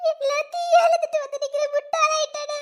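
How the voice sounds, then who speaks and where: A woman's voice: very high voice, quick pace, pushed and bright, dry recording, studio quality. A woman acting a grieving, wronged young woman, speaking with a Tirunelveli Tamil accent in a trembling, tearful voice. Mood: weeping despair.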